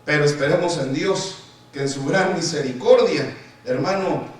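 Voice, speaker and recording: A preacher with a slightly high voice, speaking at normal speed, keeps calling his audience brothers and mimics the grumbles of churchgoers. The sermon is captured from a distance in an echoing church hall.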